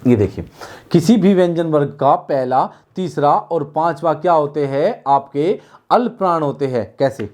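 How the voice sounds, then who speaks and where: Male teacher, slightly high voice, drilling students with repeated questions. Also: animated, moderate pace, a little mellow. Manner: repetitive, questioning, drills students on sounds aloud. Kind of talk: online exam-prep lesson.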